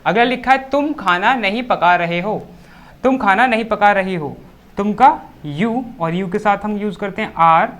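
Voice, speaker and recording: A woman gives a patient classroom grammar lesson. Her pitch sits mid-range, and she walks through each rule step by step, drawing out the example sentences slowly for her students. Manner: explains step by step, slowing down to dictate English sentences. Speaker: English grammar teacher.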